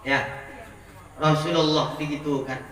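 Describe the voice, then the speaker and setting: A man's voice: on the high side, measured pace. A man preaching a sermon in a mosque, telling stories and acting out voices, with a local lilt. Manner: storytelling, acting out dialogue with animated voices. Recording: echoey hall, voice from far off.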